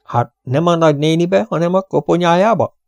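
Man doing an excitable impatient prince. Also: fairly high pitch, creaky, no echo, clean studio sound, pitched above the performer's own voice. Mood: agitated. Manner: agitated, eager, raised voice.

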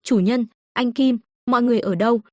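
A woman's voice: on the high side, a little fast, mellow, dry recording, studio quality, lightly acted. A woman voicing a small childlike spirit who whines and frets. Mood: fretful. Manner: whiny.

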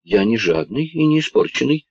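A man reading an audiobook and voicing a hysterical, spoiled young lord with a shrill, whimpering manner. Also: big pitch swings, normal speed, creaky, a little mellow, breathy edge, dull audio, heavily acted.

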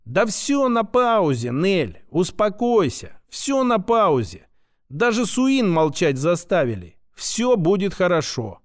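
A man's voice: sits high, very animated, slow, heavily acted. Man putting on a scornful plump lady scientist. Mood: soothing. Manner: mocking, name-calling, lecturing. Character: sarcastic plump female scientist, abrasive and scolding.

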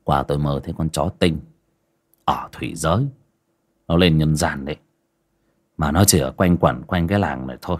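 A man's voice: normal speed, pauses often. A man voicing a tired, stern young male exorcist who grumbles. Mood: weary. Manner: tired, grumbling, low-key.

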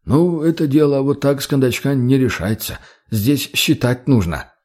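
A man voicing a fat, obsequious slave trader who fawns and placates in a raised, drawn-out voice. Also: lively intonation, darkish tone, lightly acted. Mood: fawning. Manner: wheedling, placating, higher and slower.

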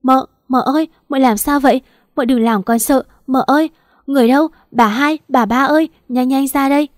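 A chirpy, devoted young servant girl, as a woman reading the story puts her on. Her tone stays mellow and the voice sounds close and dry. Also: fairly high pitch, moderate pace, no echo, lightly acted. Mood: panicked. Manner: chirpy, then shrieking in panic.

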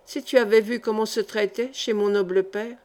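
A woman's voice: medium pitch, fairly even intonation, normal speed, a little mellow, close to an everyday voice. A woman reading the part of a boastful, greedy young man getting drunk at a feast. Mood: tipsy swagger.

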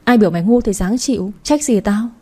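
A woman's voice: mid-range voice, animated, brisk, warm tone, breathy edge. A woman voicing a spiteful, envious young woman who sneers at her rivals. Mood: sneering.

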